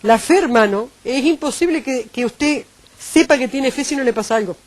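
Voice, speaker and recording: A woman with a Uruguayan Spanish accent preaching a sermon, animated and acting out the voices she quotes. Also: high voice, normal speed, dry recording.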